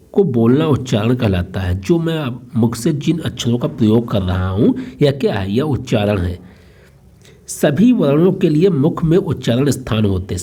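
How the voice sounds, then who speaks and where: A man's voice: mid-range voice, warm tone, slightly rough. A young man teaching an online exam-prep lesson, explaining each point twice and restarting phrases.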